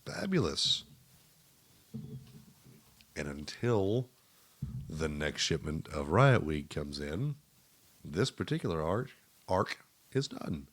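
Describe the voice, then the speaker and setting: A man's voice: a bass voice, animated, takes it slowly, long pauses, breathy edge. A man running a tabletop game as game master, playful and teasing his players.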